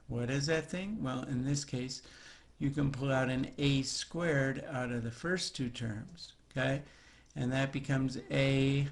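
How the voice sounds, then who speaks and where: Guy teaching math slow, gravelly voice, kinda chatty and jokey w the class. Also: mid-range voice. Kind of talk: recorded math lesson.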